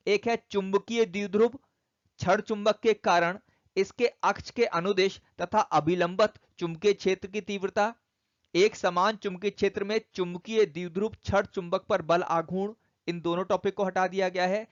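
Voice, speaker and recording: High-voiced man teaching physics. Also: fairly even intonation, normal speed, dry recording, dull audio. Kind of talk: online syllabus lesson for students.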